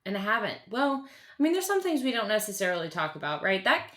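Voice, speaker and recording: A woman in her thirties, a country singer-songwriter, speaking earnestly and haltingly as an interview guest, with many restarts. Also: mid-range voice, big pitch swings, bright, forceful tone. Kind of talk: candid interview conversation.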